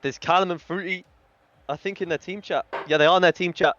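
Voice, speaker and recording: A man casting an online esports match in a chatty way with a slightly high voice. His voice is dry and close, with no room sound around it. He leans into announcer-style hype lines. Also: fairly even intonation, brisk, a bit bright, no room sound, dull audio. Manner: chatty, reads out team chats, hype lines. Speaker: esports commentator. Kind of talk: casual esports commentary.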